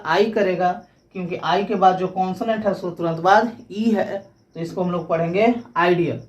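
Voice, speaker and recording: A woman's voice: on the low side, a little mellow. A woman teaching English pronunciation, explaining rules step by step and spelling words out letter by letter.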